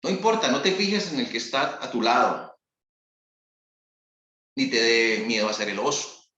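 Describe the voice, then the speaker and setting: A man preaching a sermon as pastor, slow and solemn with long pauses. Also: medium pitch, pushed and bright, roomy sound. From Colombia.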